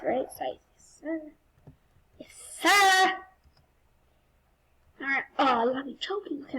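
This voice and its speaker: High-voiced woman in excitable game commentary. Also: low-quality recording. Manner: excitable, swinging between muttering and squealing outbursts. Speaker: gaming channel host. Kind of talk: casual gameplay commentary.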